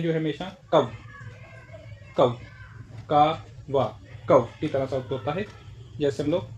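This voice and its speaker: Slow, careful man teaching pronunciation. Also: on the high side, slight background noise. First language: Hindi. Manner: slow, repeats example words several times. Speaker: German teacher. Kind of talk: language lesson explaining pronunciation.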